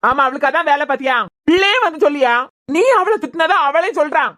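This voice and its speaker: A woman's voice: sits high, quick pace, a bit bright. A woman voicing a stern young father in a cartoon, scolding firmly in a Kanyakumari Tamil accent. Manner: scolding, firm. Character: stern young father defending his daughter.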